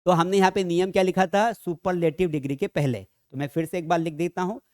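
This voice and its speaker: A man teaching a grammar lesson in a lively classroom style, asking rhetorical questions and dropping jokey asides. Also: high voice, fairly quick, dry recording, clean studio sound. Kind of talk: classroom lecture.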